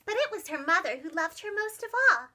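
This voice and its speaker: A woman reading a children's storybook aloud like a preschool teacher, expressive and dramatic, speaking carefully for young listeners. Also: extremely high pitch, brisk. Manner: animated, dramatic, gentle enunciation for young children.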